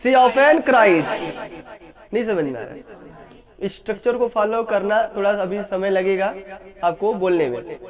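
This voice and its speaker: A high-pitched man teaching a class, slow and deliberate as he repeats each phrase. He keeps asking whether the students follow, and a roomful of students can be heard around him. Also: lo-fi sound. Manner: drills phrases aloud, asks class often. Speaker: English teacher. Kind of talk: classroom lesson.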